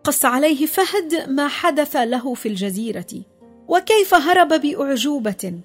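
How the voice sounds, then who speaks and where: A woman narrating a children's story, expressive and dropping low in the sad parts. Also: normal speed, faint music behind.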